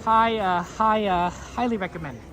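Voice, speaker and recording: A man's voice: high voice, moderate pace, fairly bright tone. A man hosting a casual live stream outdoors at a theme park, chatting in a rambling way with lots of fillers and restarts as he reads chat aloud. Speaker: livestream host. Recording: crowd noise around the speaker. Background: park crowd.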